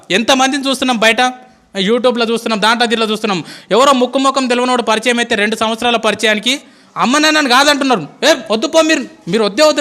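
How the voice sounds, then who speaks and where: A man's voice: very high-pitched, sharp tone. A male school teacher gives an impassioned, pleading motivational speech to students. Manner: impassioned, pleading, calls listeners "boss".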